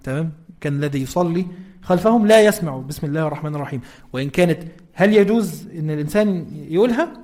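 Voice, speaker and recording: A man's voice: on the high side, expressive, fast, a little mellow. A man with an Egyptian accent giving a conversational Quran lesson and checking in with his listeners through rhetorical questions. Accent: Egyptian Arabic. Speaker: religious teacher.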